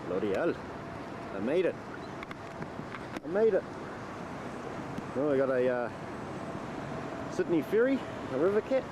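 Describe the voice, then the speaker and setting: Swearing kiwi bloke over loud ferry noise. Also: male voice, mid-range voice. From New Zealand. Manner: chatty, swears freely, rambling. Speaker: traveller filming himself. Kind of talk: casual travel vlog. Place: outdoors on a harbour ferry. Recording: loud boat engine and wind noise.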